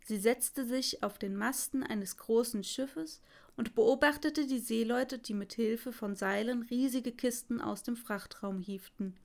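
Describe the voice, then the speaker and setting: Slow, calm woman reading a fairy tale. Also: on the high side, creaky. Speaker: storyteller. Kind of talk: scripted fairy-tale narration.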